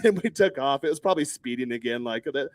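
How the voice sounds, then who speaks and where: Brief: man in his thirties from Texas, animated storyteller in a rapid, dry-sounding podcast chat. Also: medium pitch, dry recording. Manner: animated, acts out other people's lines in raised voices, swears freely.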